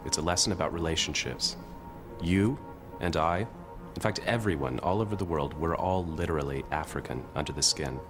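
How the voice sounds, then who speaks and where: A man narrating a documentary in a reflective, earnest scripted voice-over. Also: low voice. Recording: loud music underneath.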